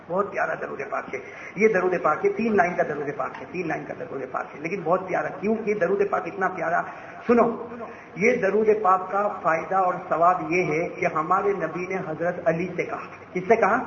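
A man's voice: high-pitched, a bit bright, a little hiss or hum. A man preaching a Ramadan night sermon in a mosque, leading the crowd in call-and-response and joking with them as he goes. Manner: jovial, banters with the crowd, tells joking anecdotes. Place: mosque gathering. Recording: echoey, dull mosque PA with crowd ambience.

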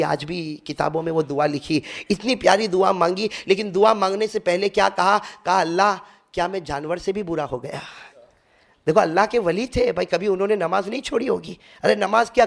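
A man giving an impassioned sermon, swinging from loud to hushed and calling his listeners friends and brothers. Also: sits high, gravelly, hardly any pauses. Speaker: preacher.

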